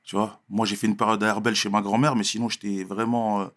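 A young man from Marseille with a Marseille accent, chatting casually in an interview, full of street slang and quick laughs. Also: on the low side, level tone, a bit bright. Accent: Marseille French. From Marseille, France. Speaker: interviewee, rapper.

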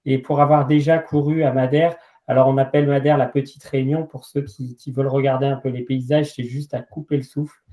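A man's voice: medium pitch, little pitch movement, a little fast, hardly any pauses, mellow. A man hosting a podcast interview, talking enthusiastically with small restarts and fillers. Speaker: podcast host. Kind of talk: casual interview chat.

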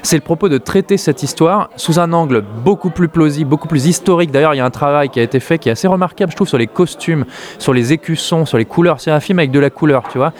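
A man's voice: fairly high pitch, quick pace. Hesitant French man reviewing a film. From France. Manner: hesitant, many fillers and restarts. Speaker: film critic. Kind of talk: casual film discussion.

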